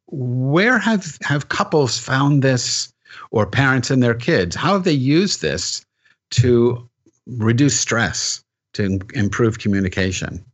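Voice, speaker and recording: A man hosting an interview, asking measured, halting questions. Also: mid-range voice. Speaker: radio interview host.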